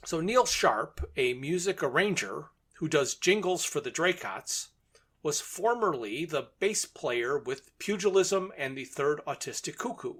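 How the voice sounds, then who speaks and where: A man co-hosting a podcast recaps an episode of a radio drama, retelling the story step by step in conversation and chuckling often. His voice is a little high, fairly bright and husky, animated yet a touch slow.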